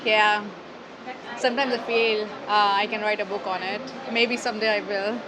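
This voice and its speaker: A woman's voice: mid-range voice, flat delivery, moderate pace, a crowd in the background, low-quality recording. A woman guest speaking articulately in a casual interview and laughing often between thoughts. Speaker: interview guest, digital nomad. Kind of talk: casual conversation.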